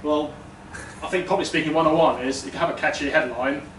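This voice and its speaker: A Danish man in his thirties tells a personal story to a live audience at a storytelling event, chatty and self-deprecating with plenty of ums. His voice is fairly high and a bit bright, fast, with fairly even intonation. He's in a small, brick-walled indoor event room, captured by a far room mic, so the audio is echoey and noisy.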